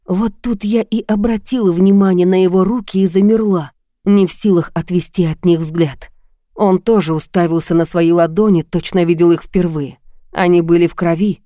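Mellow-voiced woman narrating audiobook. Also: lowish voice, steady tone, normal speed, no room sound, clean studio sound. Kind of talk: first-person audiobook narration.

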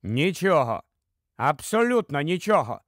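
A man's voice: on the high side, sing-song, measured pace, a bit bright, dry recording, studio quality, full character voice. A man reading an audiobook, voicing a weary, defensive husband in a plain, tired tone.

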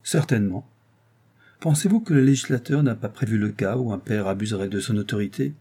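A man voicing a sly, scheming older lawyer who flatters and insinuates in an audiobook. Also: lowish voice, fairly quick, slightly rough. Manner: wheedling and insinuating.

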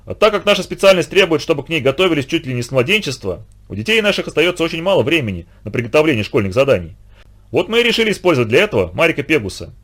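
A man voicing a conceited, self-pitying male bandit who flatters and boasts in a raised, wheedling voice. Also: on the high side, rapid-fire. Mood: boastful. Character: whiny, fawning, conceited adult male bandit.

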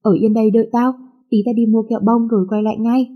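A woman's voice: on the high side, level tone, fast, phone-quality sound, close to an everyday voice. A woman voicing a blunt, protective young boyfriend in a storybook reading, speaking tersely. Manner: terse, plain-spoken.

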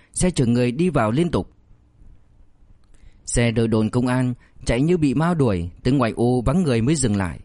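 A male audiobook narrator with a mid-pitched voice, reading a novel in a steady storytelling manner. The recording is dry and close, with no room sound at all. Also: no echo. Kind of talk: scripted narration.

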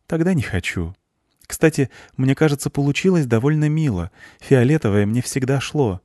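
A man's voice: medium pitch, expressive, normal speed, warm tone, dry recording, clean studio sound, pitched above the performer's own voice, close to an everyday voice. A man voicing a friendly, cheerful young blonde woman in an audiobook. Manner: light, friendly.

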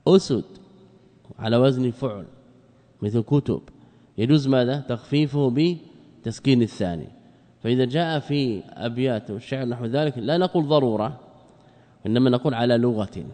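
A man at a mid-range pitch teaches a classical grammar text phrase by phrase. He repeats key words and poses rhetorical questions before he answers them. His voice carries a long, hall-like reverb. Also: mellow. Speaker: Islamic scholar teaching Arabic grammar.

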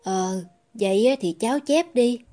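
A man voicing a gentle, worried old grandmother who coaxes and pleads softly. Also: sits high, a little slow, voice pushed up. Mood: worried, coaxing. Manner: soft, coaxing, pleading.

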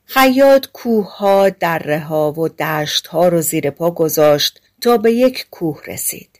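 Audiobook narrator: a woman reading fairy tales, calm and measured. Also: fairly low pitch. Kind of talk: scripted fairy-tale narration.

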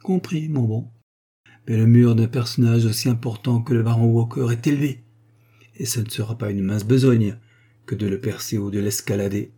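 A man's voice: medium pitch, normal speed, warm tone, breathy edge. A man voicing a scheming former notary clerk turned fixer, jovial and fond of saying "mon bon". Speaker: character in an audiobook.

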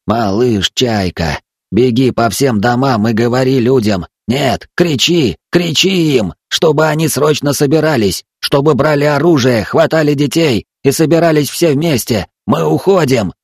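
A man voicing a frightened old island elder, hoarse and urgent, giving orders in raised shouts. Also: medium pitch, unhurried, dry recording, clean studio sound, voice pushed up.

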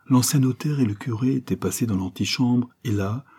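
A man reading a nineteenth-century novel aloud in measured, literary scripted narration. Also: medium pitch, mellow, husky. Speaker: audiobook narrator.

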